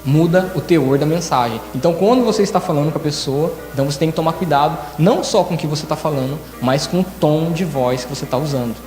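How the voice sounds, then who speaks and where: A man gives a sermon in a reverberant church hall, and his voice sits a little high for a man. He keeps breaking into little acted examples of different tones of voice. Soft music plays faintly behind him. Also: fast talker, hardly any pauses. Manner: demonstrative, acts out tones of voice in quoted examples. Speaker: church elder preaching.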